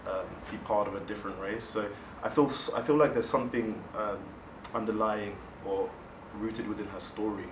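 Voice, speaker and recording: Man panelist, low voice, halting and soft-spoken, recorded far from the mic with clear room noise. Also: steady tone. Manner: hesitant, soft-spoken, many fillers. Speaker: discussion panelist. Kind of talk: casual group discussion. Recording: echoey room, distant mic, background noise.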